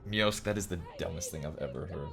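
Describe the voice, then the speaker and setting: A man's voice: low voice, fast, vocal fry, music in the background. A man in his late twenties streaming a game, chatting casually and joking while he reads his chat aloud. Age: late 20s.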